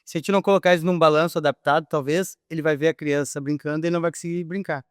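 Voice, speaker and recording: A man's voice: fairly high pitch, fairly even intonation, very fast, clear, resonant tone, no room sound, studio quality. A man, a physical education teacher, answering interview questions in a thoughtful, hesitant way with many fillers.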